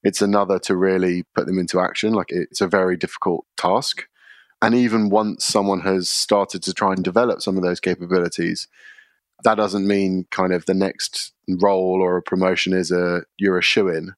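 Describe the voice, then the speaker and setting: A man, a podcast guest explaining his workplace practices in a measured way, often using fillers. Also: low-pitched, flat delivery, dry recording, clean studio sound. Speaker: guest, contact centre leader. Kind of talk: podcast interview answers.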